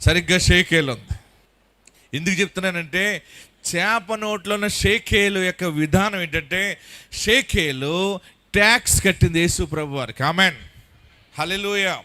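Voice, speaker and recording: A man preaching a live sermon as pastor, fervent, rising to shouts and sometimes half-singing his phrases, urging the congregation to clap and shout. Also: high-pitched, normal speed, pauses often.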